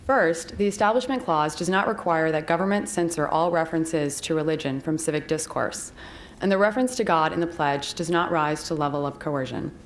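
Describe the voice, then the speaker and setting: Low-pitched young woman arguing formally. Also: a little fast, slight background noise. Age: young adult. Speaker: moot court advocate. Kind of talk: formal prepared oral argument.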